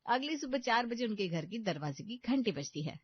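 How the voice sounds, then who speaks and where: A woman narrating a comic cartoon story in a brisk, scripted storytelling manner. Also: on the high side, very animated, breathy edge, no room sound. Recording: dull dry recording.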